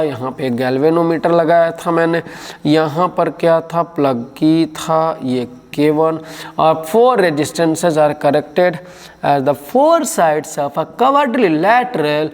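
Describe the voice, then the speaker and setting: Male teacher, slow deliberate delivery, repeats key terms, long reverb. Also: on the high side. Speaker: physics teacher. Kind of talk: exam-prep lecture.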